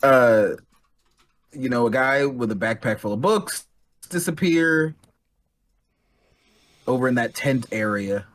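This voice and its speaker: A man's voice: mid-range voice, takes it slowly, pauses often. A man playing a tabletop game, speaking hesitantly with many uhs. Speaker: player. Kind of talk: casual game chat.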